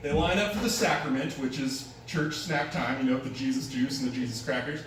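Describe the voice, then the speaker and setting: A man's voice: mid-range voice, fairly quick. A man performing a conversational stand-up comedy set at an open mic, telling stories and slipping into quoted voices. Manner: conversational storytelling with put-on voices. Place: live open-mic venue with a small audience. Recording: echoey room, distant mic, noisy.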